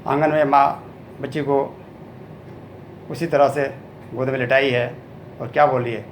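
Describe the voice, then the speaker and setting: Gravelly Bhojpuri folk singer, slow. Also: male voice, medium pitch, fairly even intonation, a little hiss or hum. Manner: slow, drawn-out sung lines between spoken narration. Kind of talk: spoken storytelling broken by sung ballad verses.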